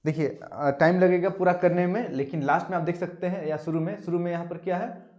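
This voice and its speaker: A male tutor runs through exam questions one by one, prompting his viewers to answer in the comments and dropping in English phrases. His voice sits a little high for a man. The recording is dull and lo-fi. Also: fairly even intonation, fairly quick, a little mellow, echoey room. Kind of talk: online exam-prep lesson. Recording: dull lo-fi audio.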